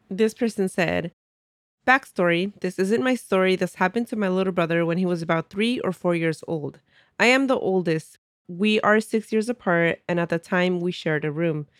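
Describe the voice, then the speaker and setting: A woman's voice: fairly low pitch, dry recording. A woman hosts a podcast with a stuffy, nasal voice, still getting over a cold. She talks in an easy, chatty way and laughs often. Her voice sits dry and close, with no room sound around it. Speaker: podcast host. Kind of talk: casual podcast chat and story reading.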